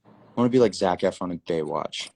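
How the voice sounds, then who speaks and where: A man's voice: low voice, lively intonation, brisk, creaky, a little mellow, a little hiss or hum. A young man hosting a casual livestream from home on his phone, joking loosely and playfully. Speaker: livestream host. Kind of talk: casual chat.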